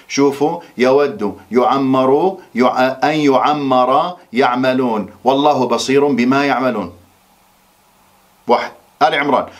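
A man giving a Quran memorization lesson, slowing down and stressing key words when he quotes verses. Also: mid-range voice. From Iraq. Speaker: Quran teacher. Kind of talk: recorded religious lesson.

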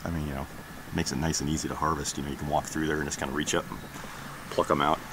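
Man, very low voice, relaxed rambling garden tour, handheld camera outdoors, clear background noise. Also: fast. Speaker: homesteading vlogger. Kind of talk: casual garden walkthrough. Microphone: camera held at arm's length.

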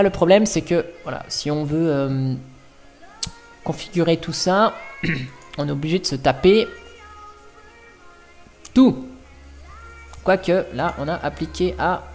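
A man's voice: a little high, animated, takes it slowly, pauses often, a little mellow, faint music behind. A man hosting a casual screencast tech tutorial at his home computer, thinking aloud and chatting in informal slang.

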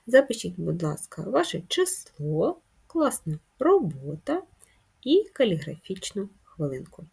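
A woman teacher giving a slow, deliberate lesson to young children, jumping up high on the key words. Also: wildly swooping pitch, gravelly, darkish tone, breathy edge. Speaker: primary school teacher.

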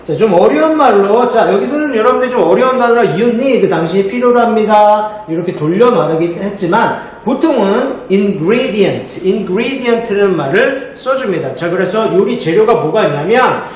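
높고 생동감 있는 목소리의 남자 교사. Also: male voice, high-pitched, animated, moderate pace, few pauses. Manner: explains step by step, asks questions and answers them himself. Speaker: English teacher. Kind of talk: remote lesson for middle schoolers. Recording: echoey room, faint noise.

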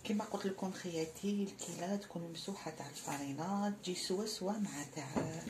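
A woman's voice: fairly low pitch, quick pace, background noise. A woman with an Algerian Arabic accent hosting a cooking tutorial, talking viewers through each step in a friendly way and calling them sisters. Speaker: cooking channel host.

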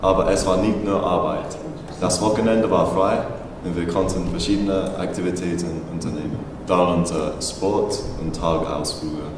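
A teenage boy speaking learner's German recites his lines carefully, his plain. His voice is low and deep. A long echo and noise fill the hall around him. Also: steady tone, normal speed, distant mic. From England. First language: English. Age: teens. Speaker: student. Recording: echoey hall with background noise.

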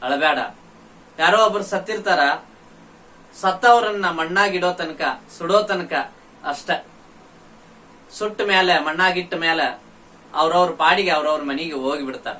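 A man explaining a devotional folk song, breaking into slow singing of its verses. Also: fairly high pitch, sharp tone. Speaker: teacher of devotional folk songs. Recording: distant mic with faint background noise.

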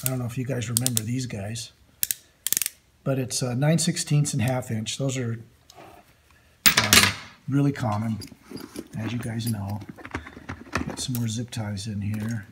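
A man hosting a workshop video, casually showing his tools in a slow, halting way with lots of ums and uhs. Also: mid-range voice, steady tone, noisy background. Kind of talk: casual show-and-tell of tools. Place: indoor workshop at a metal bench. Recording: loud clatter of metal tools.

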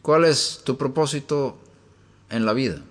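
A man's voice: mid-range voice, measured pace. A man preaching in a teaching style from a room upstairs in his home. He asks many rhetorical questions and tells homely stories.

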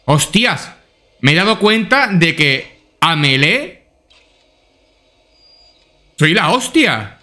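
A man's voice: fairly high pitch, big pitch swings, very slow, long pauses, pushed and bright. A man doing casual let's-play commentary, swearing often and thinking aloud to himself. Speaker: gaming YouTuber.

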